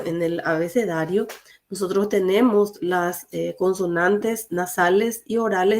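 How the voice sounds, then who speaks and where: A woman's voice: medium pitch, a little mellow. A woman teaching an online class, explaining grammar step by step with frequent fillers and two languages mixed together.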